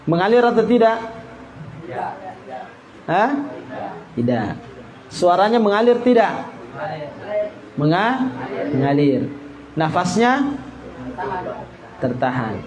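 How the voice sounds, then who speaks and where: A male Quran teacher from Indonesia running a tajwid lesson, repeating syllables and chanting verses slowly for students to copy. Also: high-pitched, very animated, highs cut off, a crowd in the background. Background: group of students in the room.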